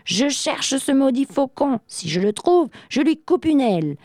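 Woman doing a harsh bossy falconer, shouting high and loud, dry close sound. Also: big pitch swings, slow pace, no echo, exaggerated voice. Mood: angry shouting. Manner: shouting, gruff and scolding. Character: angry grown man falconer, harsh and bossy.

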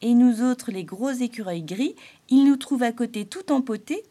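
A woman's voice: on the high side, moderate pace, warm tone, pitched above the performer's own voice, close to an everyday voice. A woman voicing a sly male grey squirrel who complains in a confiding way in a storybook reading. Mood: aggrieved.

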